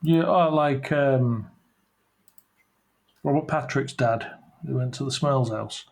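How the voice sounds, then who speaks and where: A man's voice: medium pitch, slow pace, gravelly. A man co-hosting a podcast, asking wry, joking questions in casual chat. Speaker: podcast co-host.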